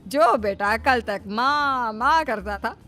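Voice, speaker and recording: A woman's voice: fairly high pitch, lively intonation, slow, sharp tone, heavily acted. A woman voicing a jealous older mother-in-law in a cartoon story, grumbling and scolding. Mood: complaining. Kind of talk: cartoon voice acting.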